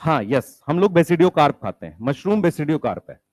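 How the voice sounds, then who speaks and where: A man's voice: fairly high pitch, sing-song, fairly quick, a little mellow, no room sound. A male biology teacher lecturing a class, mixing English science terms into Hindi, asking questions and answering them himself, and calling for the students' attention.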